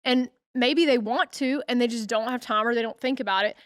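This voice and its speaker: Woman, middle-aged, podcast co-host, emphatic coaching, smooth voice, dry. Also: a little high, a little fast, fairly bright tone, no room sound. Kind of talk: casual advice talk.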